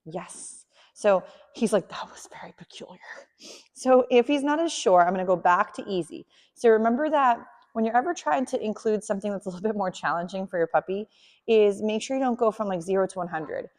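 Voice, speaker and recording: A woman dog trainer giving a hands-on lesson, explaining calmly and softly praising the dog. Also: medium pitch, fairly quick, long reverb tail.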